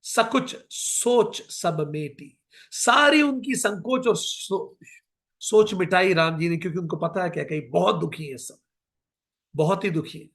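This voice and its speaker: A middle-aged man giving a devotional scripture discourse, reciting verses slowly and mixing English phrases into his talk. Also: high voice, vocal fry, a bit bright. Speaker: spiritual discourse speaker.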